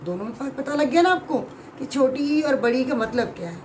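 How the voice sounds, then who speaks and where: A woman teaching young children a grammar lesson, explaining slowly and clearly, stretching out sounds and often checking whether they have understood. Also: high-pitched, lively intonation, slight background noise, low-quality recording. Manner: drawn-out sounds, frequent check-in questions. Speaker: Hindi teacher.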